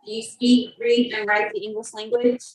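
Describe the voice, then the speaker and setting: A woman's voice: a little high, little pitch movement, normal speed. A woman presiding as a judge, formally putting procedural questions in a polite, formulaic way. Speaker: judge presiding over court. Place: remote court hearing, indoor room. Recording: echoey room sound.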